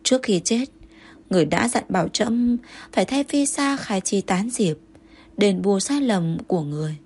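A possessive, jealous emperor speaks in commanding and coaxing turns, tender underneath, read by a woman. The tone stays at a middle height, with a husky, breathy softness. It is an audiobook role. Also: mid-range voice, animated, moderate pace. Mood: somber.

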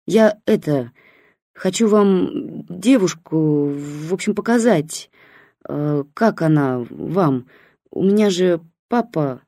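Storybook role: hesitant young man, read by a woman, halting pauses, dry sound. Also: lowish voice, lively intonation, mellow, dry recording, full character voice. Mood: nervous. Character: awkward nervous young man.

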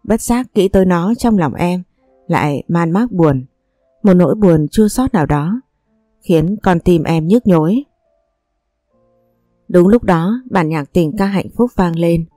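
Dark-voiced woman telling a story. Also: fairly low pitch, animated, measured pace, long pauses, dry recording, soft background music. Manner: reads every character's lines in her own voice. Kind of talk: first-person story narration with voiced dialogue.

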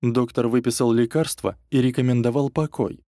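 A male audiobook narrator voicing a sharp-tongued middle-aged stepmother who scolds and snaps. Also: medium pitch, steady tone, moderate pace, no room sound, clean studio sound, pitched above the performer's own voice, natural voice. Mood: reproachful. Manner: scolding, caustic. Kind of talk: audiobook character voice.

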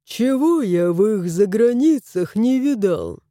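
A woman voicing a lazy, smug, spoiled male house cat in a storybook, drawling slowly. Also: mid-range voice, lively intonation, dark tone, dry recording, studio quality.

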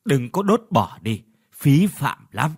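A man voicing an old village man in a spoken ghost story, calm and reassuring, with a lively, rising and falling delivery. He sounds matter-of-fact. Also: mid-range voice, slow, gravelly, husky, full character voice.

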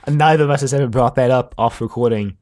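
Here a young podcast co-host talks quickly in a medium-pitched voice with a somewhat dark tone. His accent mixes South African and American, and the chat is relaxed and dryly humorous.

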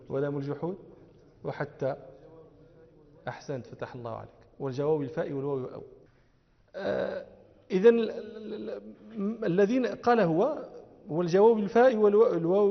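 A man's voice: high-pitched, creaky. A man giving a classroom religious lecture, explaining step by step and quizzing his students. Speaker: religious teacher. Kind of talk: classroom lecture on hadith and grammar. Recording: dull lo-fi audio in a reverberant hall.

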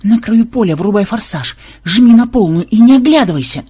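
Brash programmer, husky and commanding, read by a man. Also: sits high, very animated, normal speed, voice pushed up, full character voice. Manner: loud barking commands. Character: stubborn brash male programmer, shouty adventurer.

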